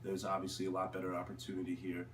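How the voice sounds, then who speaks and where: A young man from the United States with a fairly low voice answers interview questions informally, talking very fast in a monotone. He's hesitant and searches for words, and the recording is roomy and distant from the microphone with faint noise.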